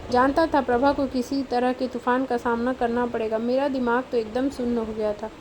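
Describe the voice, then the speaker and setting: Woman audiobook narrator, high voice, steady and expressive. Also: normal speed, a little hiss or hum, rough recording. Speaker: audiobook reader.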